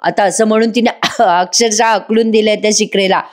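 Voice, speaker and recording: A woman's voice: medium pitch, fairly even intonation, moderate pace. A woman narrating a voice-over recap of a TV serial episode, chatting directly with her viewers.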